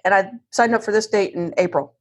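A woman's mid-range voice, going a little fast, carries a Southern US accent. She's a divorce lawyer guesting on a podcast, chatting candidly and putting herself down with humor in a laid-back interview, often voicing quotes of herself and other people.

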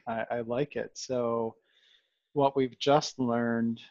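A man's voice: mid-range voice, little pitch movement, slow, a little mellow, no echo. Playful man hosting a podcast, slightly dull. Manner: playful, restarts often. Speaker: podcast host. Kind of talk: casual podcast talk.

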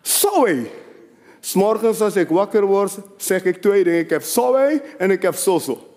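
High-voiced preacher in a big echoing hall. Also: male voice, expressive, measured pace. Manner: emphatic, swings between low confiding asides and loud rising declarations. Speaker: apostle preaching. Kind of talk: sermon.

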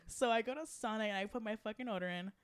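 A woman's voice: fairly high pitch, fast, clean tone. A young woman chatting casually and telling a story, swearing often, laughing a lot and acting out the people she quotes. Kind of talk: casual chat.

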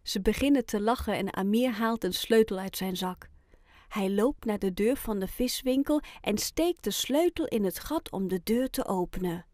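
A woman reading a children's storybook aloud, with gentle, lively storytelling and clear phrasing. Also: mid-range voice, normal speed, no room sound, clean studio sound. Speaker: audiobook reader.

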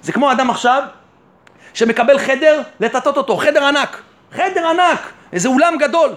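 A man, a rabbi giving a Torah lesson, who asks rhetorical questions and answers them himself, and speaks to his listeners directly and insistently. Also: extremely high pitch. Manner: addresses listeners warmly and directly; emphatic and insistent.

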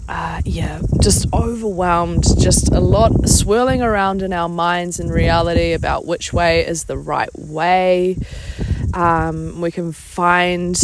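A woman podcast host speaks slowly in a slightly low voice. She talks informally and encouragingly, like a life coach, with hesitant pauses. She is recorded outdoors with insect noise behind her. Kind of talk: casual motivational solo podcast talk.

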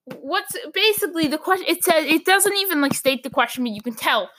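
A woman hosting a solo sports talk podcast, ranting with strong opinions, her voice going hoarse. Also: high-pitched, expressive, fairly quick, a bit bright.

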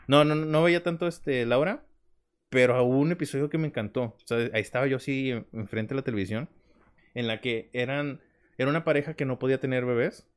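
A man with a Mexican Spanish accent chats on a casual podcast. He tells his stories in an animated, slangy way. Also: medium pitch, brisk. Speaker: podcast co-host. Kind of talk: casual chat.

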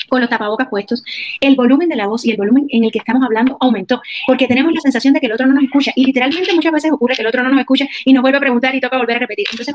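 Brisk woman vocal coach. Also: fairly high pitch. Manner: warm, animated teacher explaining with examples. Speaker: vocal coach, podcast guest. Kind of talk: explanatory interview answers.

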